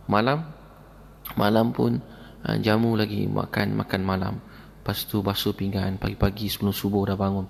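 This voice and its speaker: A man's voice: lowish voice, gravelly, slight background noise. A male preacher with a Malaysian Malay accent, telling stories and repeating phrases for emphasis in a sermon. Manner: repetitive, storytelling, emphatic.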